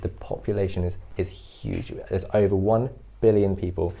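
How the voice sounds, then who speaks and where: A man's voice: low voice, fairly even intonation, moderate pace, gravelly, dark tone, lo-fi sound. A man from London with a modern British accent, close to RP with hints of Multicultural London English, talking as a guest teacher in a conversational lesson. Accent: modern British, near RP with hints of Multicultural London English. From London, England.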